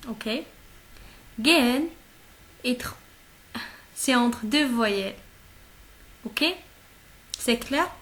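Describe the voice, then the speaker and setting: A woman teaching a language lesson, speaking slowly and deliberately, repeating each example word several times and checking often that the listener follows. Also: on the high side, fairly bright tone. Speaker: German teacher. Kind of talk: slow classroom-style language lesson.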